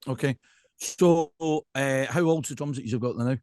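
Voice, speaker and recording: A podcast host with a Scottish accent runs a casual interview, speaking emphatically and rambling while often checking in with the listener. His mid-range voice is slightly mellow at a normal pace, captured in a dry, clean studio recording.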